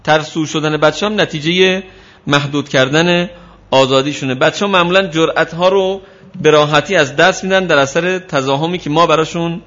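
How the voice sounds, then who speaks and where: A man's voice: a little high, a bit bright, dull audio. A man giving an earnest lecture on parenting to a class of parents, switching between casual talk and reading a story aloud.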